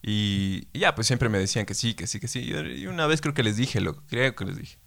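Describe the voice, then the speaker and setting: An Ecuadorian man with a fairly low voice trades slangy, easygoing banter on a podcast. He laughs along with his co-host and recalls his own youth in a relaxed way. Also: fairly quick, gravelly. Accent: Ecuadorian Spanish. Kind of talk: casual comedic chat.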